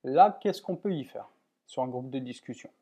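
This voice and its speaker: A man with a mid-range, mellow voice and lively intonation speaks at normal speed. He's a software tutorial presenter guiding viewers step by step through a computer program in a plain, methodical screen recording, full of fillers and frequent "voilà."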